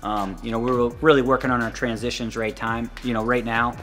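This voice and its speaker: A man's voice: medium pitch, little pitch movement, a bit bright, soft background music. A man, a college wrestling coach, giving a casual tour of his facility and filling his talk with "you know" and "um". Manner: rambling, fills every pause with "you know" and "um".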